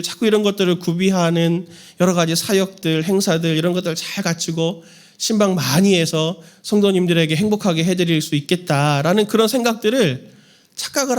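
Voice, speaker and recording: A male pastor giving a candid, self-deprecating Sunday sermon to his congregation. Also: high-pitched. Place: church sanctuary.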